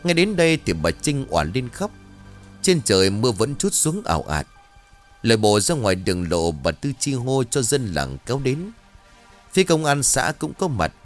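Expressive male ghost-story narrator. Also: medium pitch, moderate pace, soft background music.

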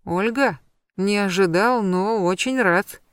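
A woman voicing a sleepy young man who owns the hotel, speaking slowly, firmly and in command. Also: mid-range voice, smooth, dry recording, studio quality, lightly acted. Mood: stern. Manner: slow, firm and commanding. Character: stern sleepy young male hotel owner.

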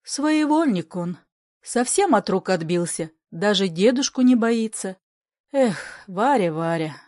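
Woman voicing a soft-spoken old grandmother. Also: sits high, big pitch swings, a little slow, dry recording, studio quality. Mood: pleading. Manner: soft and earnest. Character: kind, pleading old grandmother.

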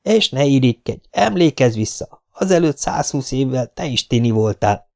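A man's voice: mid-range voice, animated, creaky, darkish tone, pitched above the performer's own voice. A man voicing a cheeky, sarcastic man taunting an old woman. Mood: cocky. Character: cocky naked man mocking an old woman.

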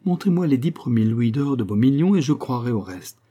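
A man reading an audiobook voices a scornful, sharp-tongued young mother, mocking and quick to anger. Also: mid-range voice, lively intonation, muffled recording, close to an everyday voice. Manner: mocking, exasperated.

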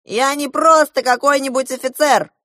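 A woman voicing a furious, blustering male army general in a storybook reading, shouting orders. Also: sits high, steady tone, normal speed, no room sound, clean studio sound, pitched above the performer's own voice. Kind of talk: audiobook character voice.

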